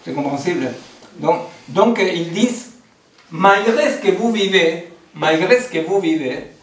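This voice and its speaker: An Argentine man gives a digressive philosophy seminar lecture, peppered with fillers and rhetorical "n'est-ce pas" questions. His voice is high-pitched, expressive, and a little slow, picked up by a distant mic in a roomy space.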